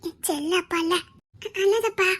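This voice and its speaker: A woman's voice: very high-pitched, normal speed, a bit bright. An actress playing a loving grown daughter who soothes and pleads with her grieving father in a TV serial scene. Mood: soothing. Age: young adult. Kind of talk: TV serial acting.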